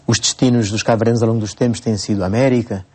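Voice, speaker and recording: A Cape Verdean priest in his forties answering interview questions at an unhurried pace, with frequent hesitations and restarts. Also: fairly low pitch, steady tone, darkish tone, husky. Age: 40s. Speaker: priest, bishop-elect.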